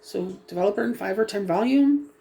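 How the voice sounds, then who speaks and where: Brisk and gravelly, with a warm tone at medium pitch, a woman casually vlogs while dyeing her hair. Her talk is hesitant and rambling, packed with ums and apologies, and she's sniffly and slightly froggy from a lingering cough.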